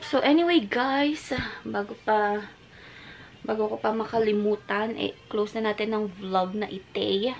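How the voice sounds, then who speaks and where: A woman in her thirties from the Philippines, a mother chatting casually to her vlog audience, mixing English into her talk and cooing gently to her child. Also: mid-range voice, fairly even intonation, unhurried, slight background noise. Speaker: family vlogger, mother.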